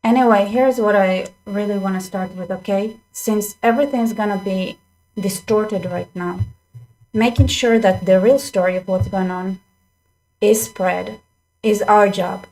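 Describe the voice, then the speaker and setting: Talking straight to her viewers through a desk microphone, a young channel host gives chatty, casual commentary full of restarts and asides. Her voice is medium-pitched with fairly even intonation, a darkish tone and a slightly slow pace, and the recording is low quality.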